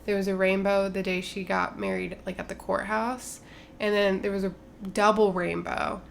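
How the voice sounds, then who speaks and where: A young woman co-hosting a laid-back podcast, her voice edged with vocal fry. She chats loosely, peppering every thought with fillers. A faint low ambience sits under the recording. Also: little pitch movement, moderate pace, slight background noise. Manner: chatty, lots of fillers and "like". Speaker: podcast co-host. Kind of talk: casual chat.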